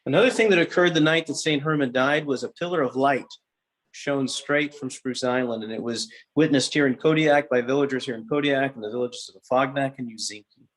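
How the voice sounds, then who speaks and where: Reverent, halting man guiding a cathedral tour. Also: mid-range voice, rough recording. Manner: halting, pausing mid-sentence. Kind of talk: informal guided tour narration. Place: inside a cathedral.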